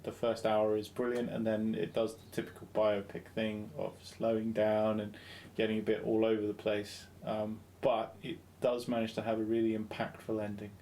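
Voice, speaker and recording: A man's voice: on the low side, completely flat delivery, normal speed, hardly any pauses, dark tone, a little hiss or hum. A man from London hosting a casual film review podcast, joking and often laughing as he talks. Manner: jokey, often laughing, loose and rambling. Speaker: podcast host.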